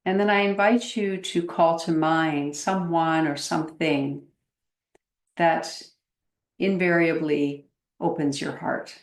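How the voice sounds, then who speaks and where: A female meditation instructor leads a guided session at a soft, leisurely pace with lengthy silences, and the room sounds large and reverberant. She speaks in a low voice with fairly even intonation.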